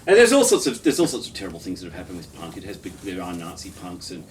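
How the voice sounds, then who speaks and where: A man's voice: low-pitched, huge pitch swings, fast talker, recorded from a distance, a little hiss or hum. A man in his fifties, reading a poem and then chatting in a rambling way, full of restarts and chuckles. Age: 50s. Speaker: poet. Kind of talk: poetry reading then casual chat. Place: his home.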